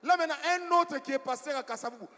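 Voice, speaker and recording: High-voiced preacher in a reverberant hall. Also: male voice, fast, bright, forceful tone. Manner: storytelling preacher, asks the congregation for responses. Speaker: pastor. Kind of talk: sermon.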